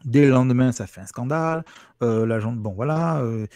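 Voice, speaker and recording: A French man telling an anecdote as a guest linguist, animated and acting out the quotes he tells. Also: mid-range voice, dry recording. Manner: fast, animated storytelling, acts out quotes. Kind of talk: lively explanatory talk with quoted imitations.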